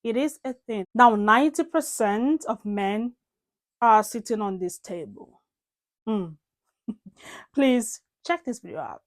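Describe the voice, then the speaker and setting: A woman's voice: on the high side, expressive, slow pace, pauses often. Chatty woman reacting to a clip. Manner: chatty, addresses viewers directly with fillers. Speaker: reaction video host. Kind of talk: casual reaction commentary.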